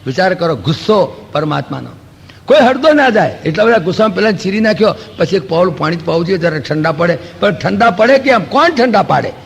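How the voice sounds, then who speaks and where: A man's voice: sits high, brisk, gravelly, breathy edge. A man with a Gujarati accent giving a spiritual discourse, telling stories with rhetorical questions and acting out quoted dialogue. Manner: storytelling with rhetorical questions and homely examples; acts out quoted dialogue in lively asides. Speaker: spiritual lecturer. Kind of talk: Vedanta discourse. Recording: long hall reverb.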